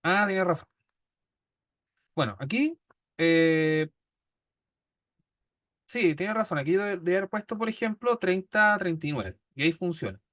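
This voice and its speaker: Speaking a little slowly and pausing often, this man has a high-pitched, animated, fairly bright voice with a Chilean Spanish accent. He lectures on statistics step by step, patiently checking in with "¿ya?" constantly. No room sound comes through the clean studio recording.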